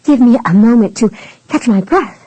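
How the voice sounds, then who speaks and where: Woman narrator doing a sheltered young countess, breathless and pleading, mellow and dry. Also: fairly high pitch, expressive, normal speed, no echo, poor audio. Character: young aristocratic maiden, sheltered and flustered.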